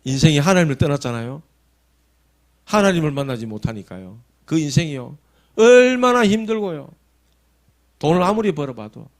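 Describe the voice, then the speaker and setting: A male pastor with a Gyeongsang accent preaching a sermon, telling stories animatedly and swinging between soft and loud. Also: high-pitched. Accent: Gyeongsang dialect.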